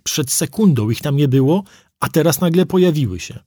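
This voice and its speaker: A man's voice: fairly high pitch, animated, a little fast, warm tone, dry recording, clean studio sound. A man reading a first-person story aloud as an audiobook narrator, with vivid storytelling delivery.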